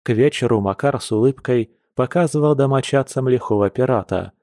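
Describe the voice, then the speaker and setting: A man reading a novel aloud as audiobook narrator, in a steady, even manner. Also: mid-range voice, brisk, no echo, clean studio sound. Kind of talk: scripted narration.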